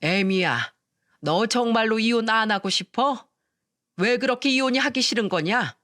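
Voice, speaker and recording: A woman's voice: fairly high pitch, normal speed, a bit bright, close to an everyday voice. A woman voicing a tired, scolding elderly mother-in-law. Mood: questioning.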